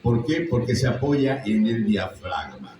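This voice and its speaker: A man's voice: lowish voice, very animated, measured pace, warm tone, far from the mic, slight background noise. Older Mexican man in an echoey hall. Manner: jokey, chatty, teaching tone. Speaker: voice actor guest on a convention panel. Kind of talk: storytelling to a live audience. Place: large echoey convention hall.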